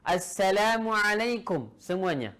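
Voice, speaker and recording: A man's voice: high voice, expressive, a little slow, fairly bright tone. A man teaching Arabic in an online lesson, repeating each phrase and translating it piece by piece. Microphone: video call.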